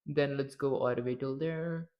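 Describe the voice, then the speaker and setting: A game developer on a livestream mutters casually to himself while he works, sounding relaxed though his throat is strained and he feels lightheaded. His voice is mid-range and moderately paced, and the audio has its highs cut off.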